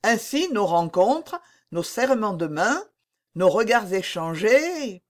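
A woman reading the lines of a young king who is lovesick, jealous and tormented, in an animated, pleading voice. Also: mid-range voice, slow. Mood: anguished. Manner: pleading, heated outbursts.

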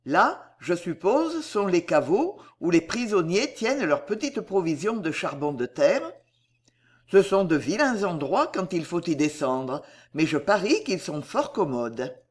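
A polite, genteel older gentleman, as an audiobook reader puts him on. His courteous voice jumps higher when he is shocked, and it swings widely in pitch. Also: very animated, measured pace, breathy edge. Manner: courteous, raised in surprise.

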